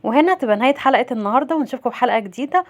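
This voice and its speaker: A woman with an Egyptian accent casually recapping a drama episode, retelling each scene and quoting the dialogue in an even voice. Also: on the high side, racing, lo-fi sound. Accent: Egyptian Arabic. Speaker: series recap narrator.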